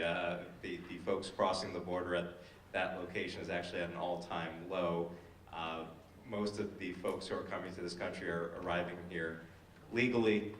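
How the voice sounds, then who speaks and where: A man's voice: low voice, recorded from a distance, slight background noise. A man speaking on a panel discussion, hesitant with many fillers and restarts. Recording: echoey hall, voice from afar.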